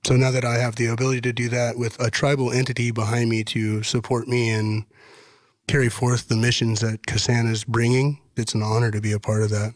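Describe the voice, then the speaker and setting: A man in his thirties from Washington state, a podcast guest who tells his story in an earnest, measured way. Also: medium pitch, dry recording, clean studio sound. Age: 30s. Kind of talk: casual podcast conversation.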